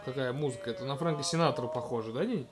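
This let's-play host keeps up a gentle, coaxing running commentary for his toddler, explaining what's happening on screen. His pitch is medium and his pace quick.

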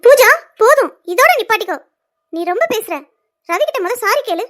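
A loyal, exasperated young woman in a cartoon serial. Her voice is very high, and she scolds and insists. She pushes her friends to talk plainly. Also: lively intonation, brisk, a bit bright. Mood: scolding.

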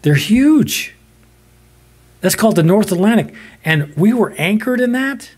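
An older man preaching a sermon from a pulpit in a small church, emphatic and swinging from loud to soft. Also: high-pitched, expressive, a little slow, breathy edge. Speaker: pastor.

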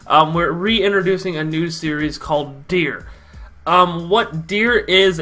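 A man's voice: fairly high pitch, sharp tone. A young man hosting a casual sports vlog, talking loosely with lots of fillers. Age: young adult.

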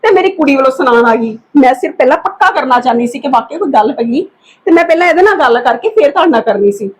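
High-voiced woman, calm and pleading. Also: fast, husky. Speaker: aunt in a family skit. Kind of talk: acted family drama dialogue.

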